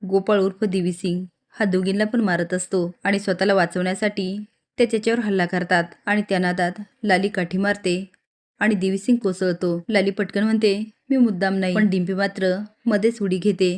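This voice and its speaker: A woman recaps a TV serial episode in steady storytelling. Her pitch stays flat, with a medium, unremarkable register. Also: moderate pace. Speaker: narrator.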